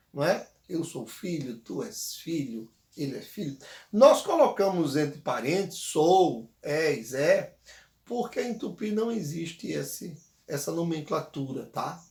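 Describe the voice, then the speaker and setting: Guy with a high voice giving a grammar lesson, slow patient drilling, roomy echo. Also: sing-song, a little mellow. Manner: patient, repeats words slowly for the viewer to echo. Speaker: Tupi language teacher.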